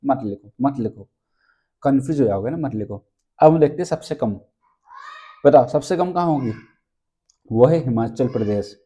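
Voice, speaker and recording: Male tutor, fairly high and mellow, drills exam facts with quick question-and-answer. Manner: asks questions then answers them himself; repeats key points, drills with mnemonics. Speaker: teacher. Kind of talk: exam-prep lesson.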